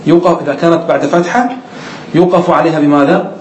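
A man's voice: a little high, fast talker, roomy sound, dull audio, a little hiss or hum. A man teaching an Arabic grammar class, who explains step by step, asks the students questions and repeats the key words.

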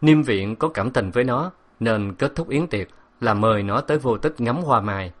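A man's voice: mid-range voice, expressive, normal speed, close to an everyday voice. A man voicing an anguished middle-aged father who speaks earnestly and urgently to his daughter in an audiobook story. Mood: grave.

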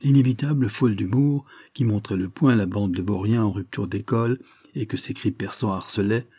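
A man reading a storybook aloud in a steady, even narration. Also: fairly low pitch, a little fast, slightly rough, dry recording. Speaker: audiobook reader.

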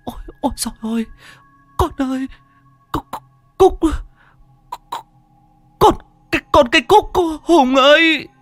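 A frantic old mother cries out in a high, quavering voice, played by a male narrator. She stammers and wails in a told horror story, and the reading is dry and close. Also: very animated, unhurried, creaky, pauses often, fairly bright tone, no room sound, soft background music, heavily acted. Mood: panicked. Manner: stammering, wailing. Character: frantic elderly mother, grieving.

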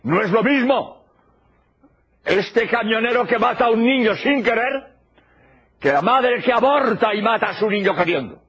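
A man's voice: high voice, animated, moderate pace, long pauses, fairly bright tone, husky. An older man giving a religious lecture, emphatic and repeating his key phrases. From Spain. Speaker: preacher. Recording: dull lo-fi old tape recording.

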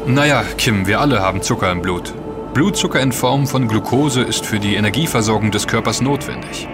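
This man's voice sits on the low side and moves a little fast, sounding natural despite the loud music behind it. In a scripted audio drama, he plays a sincere, well-informed character explaining matters to his friends and warning them forcefully.

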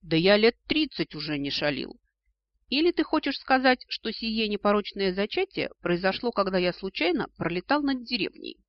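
A man's voice: high-pitched, big pitch swings, moderate pace, no echo, voice pushed up. A man growling as a grumpy ancient dragon. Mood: gruff mocking. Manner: mocking, grumbling retorts. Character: grumpy ancient male dragon, gruff and sarcastic. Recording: dull lo-fi dry recording.

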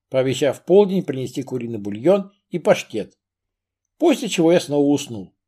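A man reading a novel aloud as a first-person audiobook narration, with a lively, expressive delivery. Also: a little high, breathy edge. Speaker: audiobook reader.

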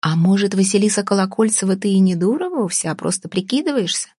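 A woman reading an audiobook voices a domineering, sarcastic older businesswoman who talks slowly and deliberately, with a husky tone. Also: medium pitch, expressive, warm tone, no room sound, studio quality. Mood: sardonic. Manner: cutting, sarcastic, slow deliberate delivery.

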